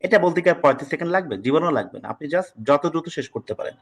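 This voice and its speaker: Animated and fairly high-pitched, this Bangladeshi instructor runs an online test-prep class, caught on a low-quality recording. His lecturing is informal and sprinkled with English words, he scolds students from time to time, and he reads practice passages slowly and carefully.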